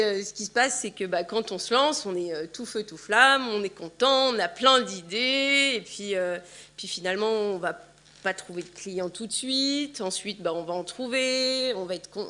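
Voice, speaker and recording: A woman's voice: medium pitch, fairly bright tone. A woman in her forties giving a conference talk in a large hall, chatty and full of fillers. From France. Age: 40s. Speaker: conference speaker.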